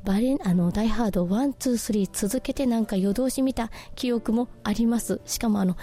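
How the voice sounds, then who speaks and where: A woman hosting a radio show, talking casually about films and reading listener messages with lots of soft fillers. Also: a little high, a little fast. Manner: chatty, many soft fillers. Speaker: radio host.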